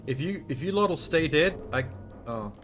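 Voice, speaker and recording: A man's voice: a little high, lively intonation, moderate pace, fairly bright tone, soft background music. A man giving casual, nervous commentary to himself while playing a horror game. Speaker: video game streamer.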